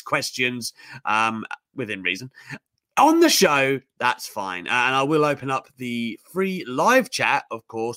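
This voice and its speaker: A man hosting a casual wrestling podcast chat, teasing his guest in a lively way. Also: on the high side, no echo, clean studio sound. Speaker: podcast host.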